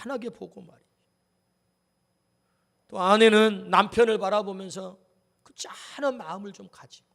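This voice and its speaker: A man's voice: high voice, steady tone, moderate pace, vocal fry, long pauses, a bit bright. A male pastor preaching a sermon in a church, talking animatedly and putting questions straight to the congregation. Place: church sanctuary. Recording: long reverb of a church hall.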